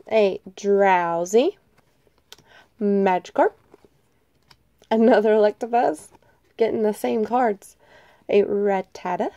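A woman hosting a card-opening video talks slowly and unhurriedly, her voice nasal as she gets over a cold. She reads off each card one by one in an easygoing, casual way. The sound is dry and close, with no room around it. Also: medium pitch, dark tone, no room sound, dull audio. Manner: reads off cards one by one, light laughs. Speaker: card-opening channel host. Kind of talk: casual chat.

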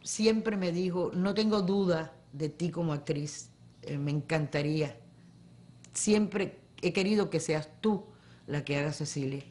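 A woman, an actress, explaining in a measured way in a documentary interview how she was cast. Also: low-pitched, darkish tone. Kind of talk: interview recollection.

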